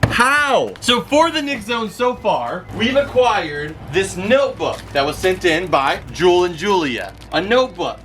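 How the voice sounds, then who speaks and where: A young man hosting a collector channel, chatting casually and gushing with excitement as he unboxes merch. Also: sits high. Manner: excitable, quick to gush and laugh.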